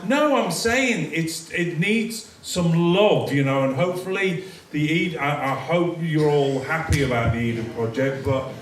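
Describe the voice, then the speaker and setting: A man's voice: on the high side, measured pace, few pauses. A man on a Q&A panel answering audience questions in a rambling way, with many restarts and chuckles at himself. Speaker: cast member on a panel. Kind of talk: casual Q&A answers. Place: cinema auditorium with audience. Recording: echoey hall from far off, crowd noise.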